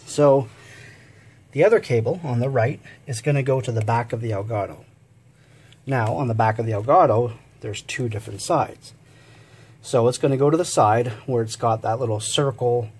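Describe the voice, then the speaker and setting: Guy out of breath walking thru a cable setup, husky voice, mid pitch, chatty. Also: normal speed, darkish tone. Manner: informal, chatty with fillers. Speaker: tech tutorial host. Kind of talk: casual step-by-step tutorial.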